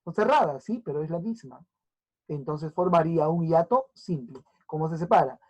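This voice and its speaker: A woman's voice: low-pitched, lively intonation, mellow. A woman teacher giving a recorded grammar lesson, sounding words out syllable by syllable and often checking that her students follow. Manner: spells out syllables slowly, often checking understanding.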